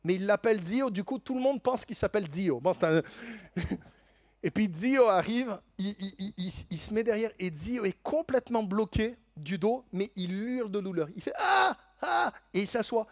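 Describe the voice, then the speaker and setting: A man telling a lively faith testimony in an animated way, laughing often and stammering into quick repeats. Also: sits high, no echo.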